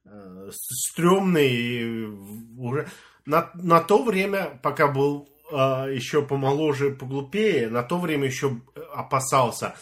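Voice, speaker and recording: A man's voice: mid-range voice, measured pace. A man co-hosting a podcast, chatting casually with many hesitations and restarts. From immigrant to Canada. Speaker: podcast co-host. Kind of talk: casual chat.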